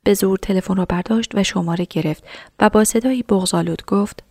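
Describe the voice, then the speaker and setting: A woman narrating a story in a soft, half-whispered reading voice. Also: medium pitch, no echo, studio quality.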